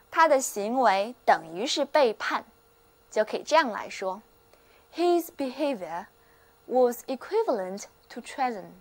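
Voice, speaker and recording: A woman hosting a scripted vocabulary lesson. She spells words out letter by letter, repeats each example sentence, and gives friendly encouragement. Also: a little high. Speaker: language teacher, show host.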